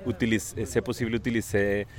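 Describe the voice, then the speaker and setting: A man from Colombia with a Colombian Spanish accent, giving interview answers in halting non-native French and searching for words. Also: fairly low pitch, little pitch movement. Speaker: volunteer bike mechanic.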